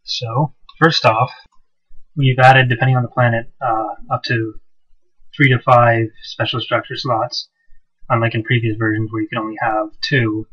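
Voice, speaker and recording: Man, muffled well-like sound, dull lo-fi old mic, husky, flat delivery. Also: mid-range voice, moderate pace. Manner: relaxed, with frequent "uh" and loose restarts. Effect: muffled hollow sound, like talking from the bottom of a well. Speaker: game mod developer. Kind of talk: casual gameplay voice-over. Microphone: very old cheap microphone.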